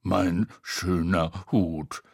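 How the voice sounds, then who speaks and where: A man voicing a timid, fretful male storybook companion who speaks slowly and hesitantly, dry and close. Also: low voice, big pitch swings, dry recording, exaggerated voice. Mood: glum, unsure. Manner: slow, hesitant and whiny. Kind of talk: storybook read-aloud.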